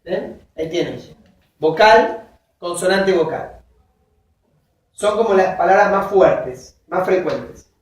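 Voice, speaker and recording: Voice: medium pitch, lively intonation, slow pace, pauses often. Lecturer echoing around a distant classroom. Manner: dictates from notes, checks in with frequent "¿sí?"; spells out examples word by word. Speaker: university linguistics teacher. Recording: very echoey classroom, voice from far off.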